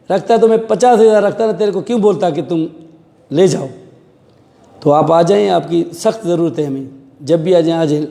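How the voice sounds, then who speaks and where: High-voiced police officer, echoey. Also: male voice. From Pakistan. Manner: animated storytelling, acting out the quoted voices. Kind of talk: recounting events in an interview. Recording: echoey room with long reverb.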